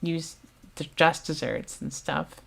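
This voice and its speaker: A woman with a Southern US accent talks through a card game tournament as its commentator. Her voice sits a little low, and she is chatty, thinking aloud and picking up viewers' questions as she goes. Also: slow pace, vocal fry, fairly bright tone. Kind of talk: casual live game commentary.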